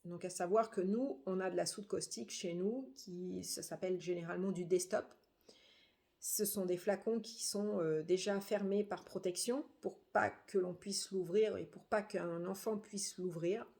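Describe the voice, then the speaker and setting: Halting grieving middle-aged woman, mellow voice. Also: on the low side, fairly even intonation, creaky. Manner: halting, with frequent hesitations; grieving, subdued. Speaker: bereaved daughter. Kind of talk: personal testimony.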